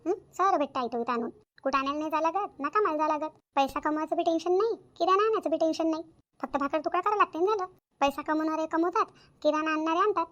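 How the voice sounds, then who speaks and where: A woman's voice: extremely high pitch, highs cut off. A woman voicing a nagging older mother-in-law. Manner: scolding, repetitive. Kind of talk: cartoon comedy voice acting.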